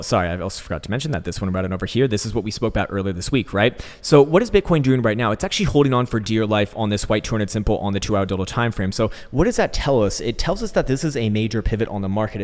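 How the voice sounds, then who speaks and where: Man, quick pace, casual rambling commentator, coarse joking slang, long warehouse-like echo off bare walls. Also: lowish voice. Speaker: host of crypto trading channel. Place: indoors, untreated hard-walled room. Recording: echoey, bare warehouse-like room reverb.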